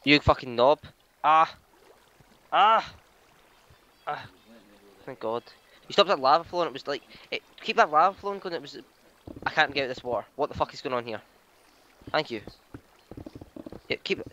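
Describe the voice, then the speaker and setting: A man giving casual gameplay commentary, excitable, teasing and swearing as he plays. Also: mid-range voice, lo-fi sound, slight background noise. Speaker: gamer.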